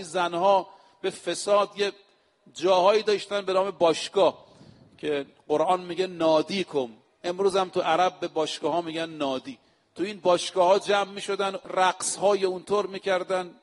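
A male preacher giving a sermon, speaking to his listeners directly and reciting scripture quotes slowly and with emphasis. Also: high-pitched, fairly even intonation, long reverb tail. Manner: addresses the audience directly. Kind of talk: religious sermon.

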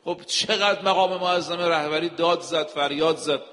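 A man's voice: a little high, steady tone, fairly bright tone. A man preaching a sermon, emphatic, asking rhetorical questions and quoting scripture. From Iran. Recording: long hall reverb.

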